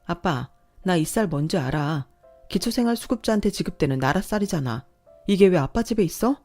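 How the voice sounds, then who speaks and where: A woman's voice: lowish voice, expressive, a little fast, warm tone, faint music behind. A woman voicing a young married daughter who questions her father and husband insistently in a read-aloud story. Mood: accusing. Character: the daughter narrator, a young married office worker, direct and suspicious. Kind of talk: scripted story reading.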